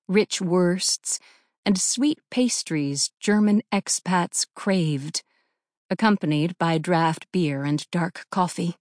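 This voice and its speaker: A woman's voice: fairly low pitch, darkish tone, dry recording, clean studio sound. Woman narrating an audiobook. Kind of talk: scripted narration.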